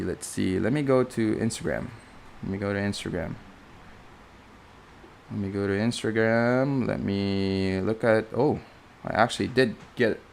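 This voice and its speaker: Slight background noise sits under a fairly low, gravelly male voice. He's a young flight instructor from the Philippines with a Filipino accent, running a live Q&A stream in a chatty, rambling manner full of fillers and self-corrections.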